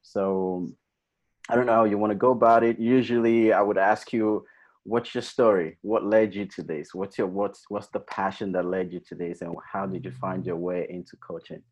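A man's voice: deep voice, fairly even intonation, moderate pace, a little mellow. A man hosting a podcast interview in casual chat, enthusiastic and rambling, heard over a video call. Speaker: podcast host.

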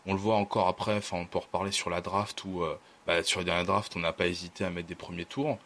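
A man's voice: deep voice, little pitch movement, fast talker, fairly bright tone. A man talking casually on a podcast, thoughtful and hesitant, with many fillers and restarts. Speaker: podcast guest, team fan.

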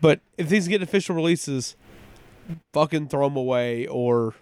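A man's voice: a little high, animated, moderate pace, a little mellow, clean tone, dry recording. Hesitant male podcast co-host. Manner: hesitant, stammering restarts. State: voice strained from laughing. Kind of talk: casual chat.

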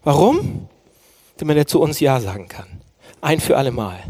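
Male preacher, fairly high voice, earnest sermon with dramatic drops to a hush. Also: big pitch swings, moderate pace. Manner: dramatic swings from loud declaiming to hushed near-whisper; earnest, addresses listeners as friends.

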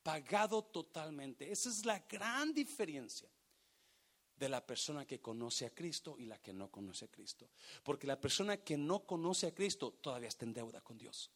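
A man preaching a sermon, swinging from hushed, drawn-out phrases to loud, emphatic bursts. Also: on the high side, expressive. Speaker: pastor.

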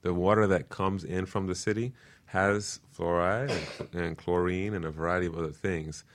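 Speaking as an expert guest, this permaculture designer lays out practical details earnestly, one step at a time, frequently adding "right?" to check in. His low voice keeps a steady tone at normal speed in the casual interview.

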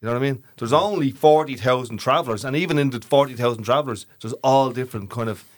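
A man's voice: medium pitch, fast. A man with a working Dublin Ballymun accent, chatting casually and telling things in colloquial, slangy language. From Dublin, Ireland. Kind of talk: casual chat.

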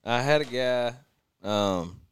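A man's voice: medium pitch, expressive, slow, clean tone, no room sound. A man guest telling a rambling story in casual podcast chat, often stopping to correct himself.

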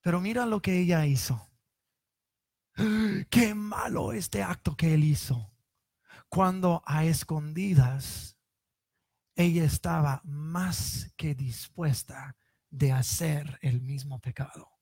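A man's voice: a little high, takes it slowly, a little mellow, slightly rough, dry recording. A man preaching a sermon, reading scripture aloud and retelling it in a dramatic, vivid way.

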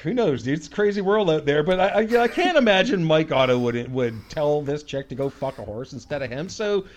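A man's voice: on the high side, animated, a little fast, dull audio, slight background noise. A man co-hosting a comedy podcast, talking loosely with laughs and swearing. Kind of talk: casual comedy banter.

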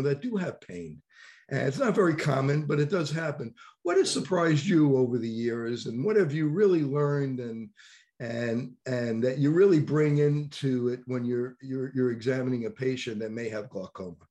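A middle-aged man with a New York accent, interviewing a colleague in a measured, conversational way. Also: mid-range voice, expressive, a little mellow. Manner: conversational, measured questions with fillers. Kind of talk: professional interview.

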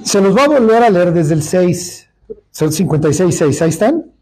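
A man's voice: sits high, animated, moderate pace, a little mellow. A man with a Mexican accent teaching a Bible study in a colloquial, joking way, full of asides. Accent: Mexican Spanish.

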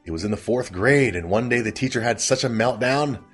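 A man hosting a casual recap of an old sitcom, chatty and quick to laugh. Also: mid-range voice, husky, soft background music. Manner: laughs often, chatty and amused. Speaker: podcast host recapping a sitcom.

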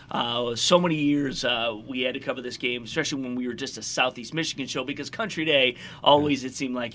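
Male sports talk host, bright tone, loose rambling delivery. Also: mid-range voice. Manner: chatty, rambling, quick asides.

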